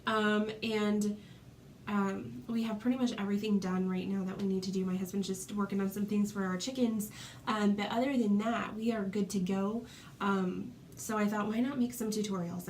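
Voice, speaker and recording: Congested from a cold, this Floridian woman talks through a home hair tutorial, demonstrating as she goes and dropping many "um"s. Her mid-range voice holds a level, darkish tone at a moderate pace, over a little hiss or hum.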